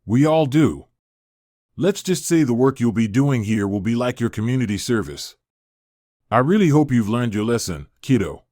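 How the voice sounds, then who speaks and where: A man's voice: mid-range voice, moderate pace, no echo, studio quality, lightly acted. A man reading a kind, forgiving schoolteacher. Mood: gentle. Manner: calm, gentle. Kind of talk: storybook reading.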